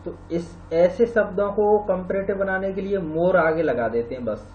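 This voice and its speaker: A man teaching a grammar lesson, explaining slowly and repeating the example words aloud. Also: high-pitched, darkish tone. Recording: roomy, dull lo-fi with faint hum.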